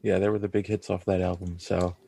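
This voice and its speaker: A man's voice: deep voice, little pitch movement, a little fast, vocal fry, dark tone, breathy edge, no echo. A man in his forties hosting a casual podcast over a video call, rambling and laughing often. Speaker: podcast host. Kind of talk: casual chat. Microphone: recording over a video call.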